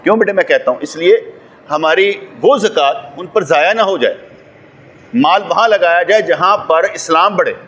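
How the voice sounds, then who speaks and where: A Pakistani man with a Pakistani Urdu accent delivers a sermon as a religious scholar, his voice sitting a little high. He preaches insistently, building to forceful emphatic peaks and throwing rhetorical questions out to his listeners. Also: lively intonation, moderate pace. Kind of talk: sermon lecture.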